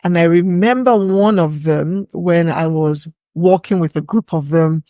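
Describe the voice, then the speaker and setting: A Nigerian woman talking as a podcast guest, thoughtful and reflective as she recalls her younger years. Her voice sits low and mellow, and it sounds dry and close. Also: measured pace, no echo. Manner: reflective, recalling memories at an easy pace. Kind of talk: casual interview chat.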